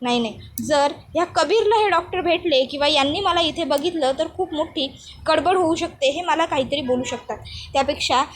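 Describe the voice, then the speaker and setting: A woman's voice: sits high, moderate pace, a little hiss or hum, lightly acted. A woman voicing a scheming woman who pleads innocence and worries in asides. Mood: anxious. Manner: pleading, anxious.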